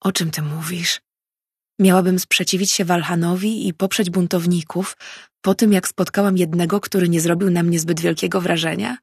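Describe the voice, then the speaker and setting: A woman voicing a defiant young mind-reading heroine who argues and pleads, in a husky voice. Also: on the low side, steady tone, normal speed, a little mellow, no echo, studio quality. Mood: arguing. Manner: pleading, arguing.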